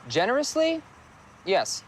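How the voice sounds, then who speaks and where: An actor playing a sheepish, disillusioned son in a family sitcom, deadpan and slow. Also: male voice, extremely high pitch, a little hiss or hum, exaggerated voice, rough recording. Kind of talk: sitcom acting.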